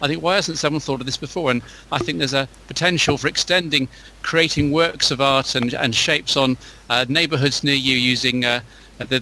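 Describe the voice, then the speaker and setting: A man's voice: mid-range voice, bright, forceful tone, a little hiss or hum, low-quality recording. A man co-hosting a tech podcast, chatting enthusiastically with frequent restarts. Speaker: podcast co-host. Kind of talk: casual chat.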